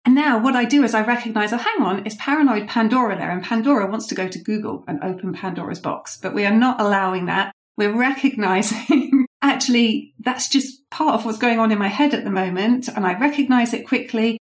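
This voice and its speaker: A woman's voice: fairly high pitch, a little fast. Woman coaching, explanatory and anecdotal. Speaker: guest, leadership coach. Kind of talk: podcast interview answers.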